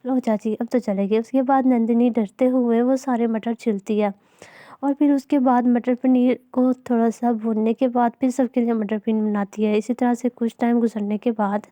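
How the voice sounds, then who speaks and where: A woman narrating a cartoon story in a plain, unhurried way. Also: a little high, steady tone, dark tone, no echo.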